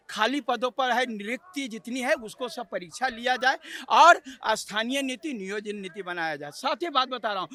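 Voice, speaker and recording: A man's voice: extremely high pitch, pushed and bright. A man protesting for student scholarships, speaking to the press with impassioned, repeated demands.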